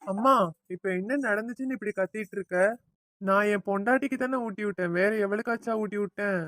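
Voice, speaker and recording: A woman's voice: medium pitch, a little fast, a bit bright, no echo, clean studio sound, natural voice. A woman voicing a devoted young husband in a family cartoon, affectionate with his wife and firm with his mother.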